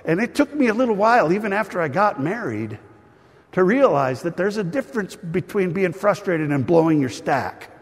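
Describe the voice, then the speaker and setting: A male pastor preaches to his congregation, lively and teasing as he talks. His voice sits a bit high and has a husky grain. The sound carries a long reverb from a large hall. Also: moderate pace. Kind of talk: sermon.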